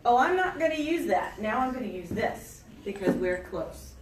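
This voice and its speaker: A woman giving a chirpy, animated trade show product pitch, instructing listeners and often checking in with them. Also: moderate pace, background noise. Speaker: self-defense product demonstrator. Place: indoor expo event. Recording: echoey room, distant mic.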